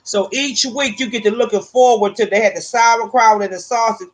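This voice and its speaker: A woman's voice: on the high side, moderate pace. A woman casually telling a personal story, profane and laughing often between lines. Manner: animated, with vernacular grammar.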